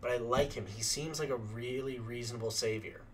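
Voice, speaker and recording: A young man hosting a reaction channel who chats casually and rambles with lots of fillers, clearing his throat as his voice starts to go. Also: medium pitch, a little fast, a little hiss or hum. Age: young adult. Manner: rambling, filler-heavy chatter.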